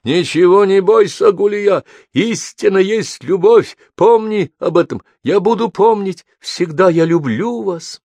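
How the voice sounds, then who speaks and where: A man's voice: mid-range voice, big pitch swings, moderate pace, darkish tone, breathy edge, no room sound, voice pushed up. A man voicing a grown painter passionately calling out to the woman he loves. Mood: impassioned. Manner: impassioned, pleading.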